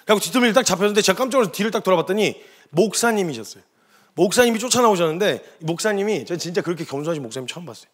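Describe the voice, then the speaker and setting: A man preaching as a missionary, telling a story with lively delivery and sudden shouted quotes. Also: sits high, very fast. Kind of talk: sermon testimony.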